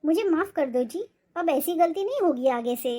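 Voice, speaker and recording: A woman voicing a timid, polite young daughter-in-law who answers in soft pleading tones, for a cartoon. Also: extremely high pitch, expressive, normal speed. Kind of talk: cartoon voice acting.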